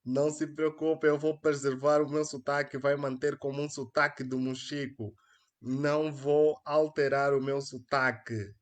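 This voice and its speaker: Speaking a little slowly in a fairly high, level-toned voice, this young man runs a solo live stream on headphones with a mic. His Angolan Portuguese accent comes through, and he's earnest but hesitant, full of fillers and restarts.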